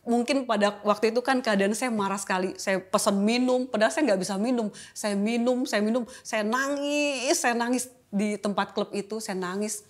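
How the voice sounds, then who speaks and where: A woman's voice: fairly high pitch, moderate pace, few pauses. A middle-aged woman sharing a personal testimony as an interview guest, talking candidly and emotionally in a loose, colloquial way. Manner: candid and emotional, colloquial with frequent filler tags. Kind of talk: casual interview chat.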